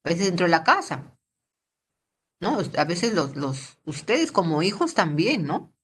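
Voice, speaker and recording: Lady teaching bible class to teens on a video call, kinda low voice, keeps asking "¿no?". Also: very animated, measured pace, fairly bright tone, husky. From Peru. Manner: conversational, tags most sentences with a questioning "¿no?". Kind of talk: Bible lesson for teenagers.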